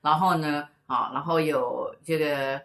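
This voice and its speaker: A middle-aged woman tells a story in a relaxed, casual chat. Her voice sits low for a woman, and she rambles with fillers and repeated words. The recording has a noticeably roomy echo. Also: a little slow. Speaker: co-host and spiritual teacher.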